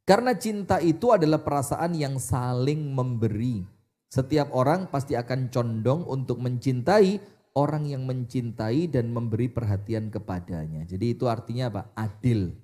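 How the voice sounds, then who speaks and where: Animated Indonesian-preacher, mellow voice. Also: male voice, mid-range voice, normal speed. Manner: animated, asks the audience questions and answers them. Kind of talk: sermon.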